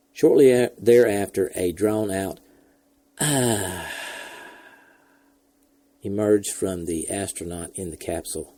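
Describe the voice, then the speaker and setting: A man hosting a podcast, telling history in a steady, measured scripted narration. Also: on the low side, vocal fry, breathy edge, no echo. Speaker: podcast host.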